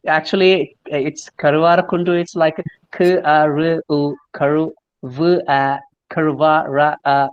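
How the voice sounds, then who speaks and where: With lo-fi sound, a Kerala man, from India, speaks with a slightly high voice and a Malayali English accent. He's a speaking coach running a friendly online lesson, demonstrating and explaining pronunciation and often spelling words out letter by letter.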